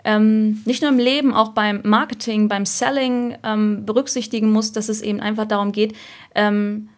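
A woman's voice: medium pitch, level tone, normal speed. A woman talking casually in a podcast conversation, thoughtful and full of fillers, sometimes acting out examples. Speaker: guest, UX writer.

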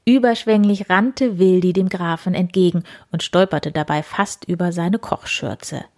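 A woman's voice: lowish voice, unhurried, darkish tone. A woman hosting her own show, reading a children's story aloud in a chatty storytelling manner. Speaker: storyteller host.

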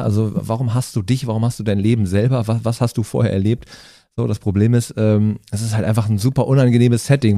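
Male comedian guest, low dark voice, chatty anecdotes full of fillers. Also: dry recording, studio quality. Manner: animated, many fillers, acts out voices. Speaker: guest, stand-up comedian and hairdresser. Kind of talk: comedic storytelling in conversation.

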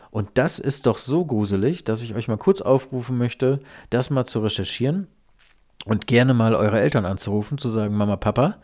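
A man's voice: medium pitch, darkish tone. A man hosting a solo podcast, talking casually and rambling, with offhand swearing. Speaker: podcast host.

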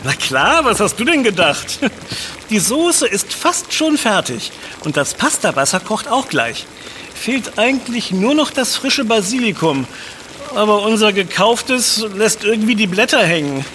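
An excitable young man who sees the supernatural everywhere. His voice is high and bright, bubbling with eagerness. Faint room noise lies underneath. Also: measured pace, heavily acted. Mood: cheerful. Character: curious, jumpy young guy who loves ghost stories. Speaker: Ben, lead in audio drama. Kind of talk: children's audio drama acting.

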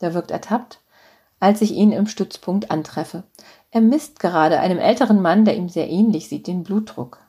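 A woman reading a first-person short story aloud in a calm, even storytelling manner. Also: lowish voice, moderate pace.

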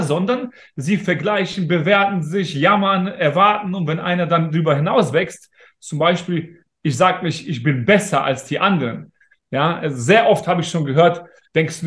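A man in his thirties, an interview guest talking in a casual, emphatic and motivational way. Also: high voice. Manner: emphatic, motivational, talks straight to listeners. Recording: roomy echo.

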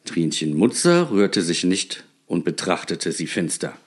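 A man reading a story aloud with expressive, theatrical delivery. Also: sits low, measured pace. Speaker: narrator.

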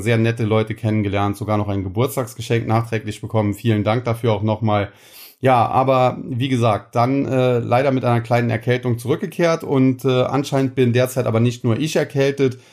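Stock market news gets a casual rundown from a man hosting a podcast while he has a cold. He uses frequent fillers, and his voice sits in the mid range with a somewhat mellow quality.

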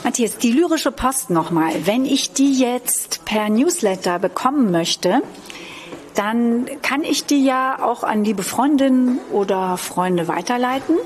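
A woman's voice: a little high, animated, a little slow. A woman chatting casually as an interviewer and co-host. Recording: clear ambient background noise.

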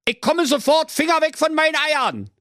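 A narrator voicing a flustered male cook with a Berlin accent, squeaky and incredulous. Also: expressive, moderate pace, a bit bright, dry recording, clean studio sound. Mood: outraged.

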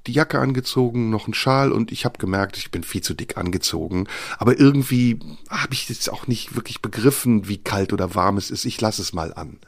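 A man telling a listener a personal story, reflective and unhurried, often pausing with fillers. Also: fairly low pitch, creaky, no echo, clean studio sound.

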